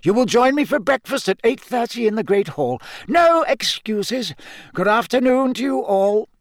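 A man voicing a wise old wizard headmaster in a storybook, measured and formal, with dry whimsy and calm authority. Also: extremely high pitch, no echo, pitched above the performer's own voice. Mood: firm.

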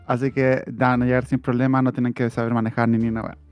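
A man's voice: mid-range voice, level tone, fast, clean tone, highs cut off, faint music behind. A Chilean man narrating a tabletop role-play as game master, rambling and laughing often as he restarts his sentences.

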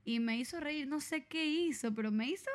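High-voiced young woman telling stories. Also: normal speed. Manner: chatty, animated storytelling. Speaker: co-host. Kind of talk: casual chat.

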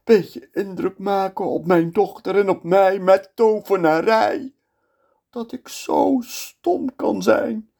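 An enraged old sultan, piercing high voice, shouting slowly, spoken storybook tale. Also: male voice, vocal fry, exaggerated voice. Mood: bitter. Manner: high strained shouting, slow and bitter. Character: furious old male sultan, shrill and ranting.

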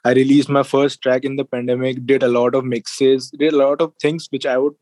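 A man's voice: mid-range voice, little pitch movement, fairly quick, darkish tone, dry recording. Young North Indian man, dry close sound. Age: 20s. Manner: switches between English and Hindi mid-sentence. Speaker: interview guest, music producer and sound engineer. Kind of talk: casual interview chat.

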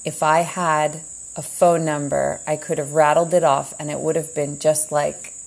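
A woman speaks slowly and introspectively, hosting her own show as if thinking aloud. Her voice is low, dark and gravelly, with a husky edge, and she lets long pauses hang between her thoughts. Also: little pitch movement, rough recording. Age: adult, heard as a child in the 80s. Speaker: podcast host. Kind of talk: slow reflective monologue.

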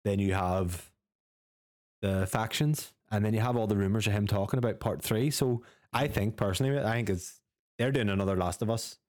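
A man's voice: fairly low pitch, normal speed, darkish tone, no echo, clean studio sound. A man co-hosting a gaming podcast who chats casually, gives strong opinions, swears freely and reads out news items. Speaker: podcast co-host.

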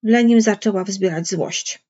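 A woman reading literary prose aloud in a measured storytelling manner, with a husky voice. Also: mid-range voice, mellow. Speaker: audiobook reader. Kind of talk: literary narration. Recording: dull lo-fi recording.

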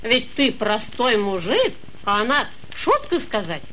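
Slow, lilting old peasant mother. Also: on the high side, huge pitch swings, sharp tone, a little hiss or hum, full character voice. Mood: astonished, worried. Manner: folksy, crooning endearments, exclaiming. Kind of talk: fairy-tale audio drama.

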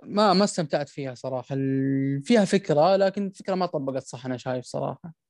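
A man's voice: medium pitch, quick pace, darkish tone, no echo, clean studio sound. A man, co-hosting a casual gaming podcast with blunt complaints. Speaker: podcast co-host.

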